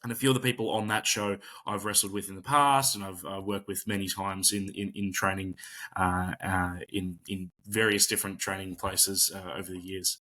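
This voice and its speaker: A man's voice: low-pitched, level tone, normal speed, sharp tone. A young man, a wrestler being interviewed, talking casually with a lot of hesitations and restarts. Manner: hesitant, many fillers and restarts. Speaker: pro wrestler guest.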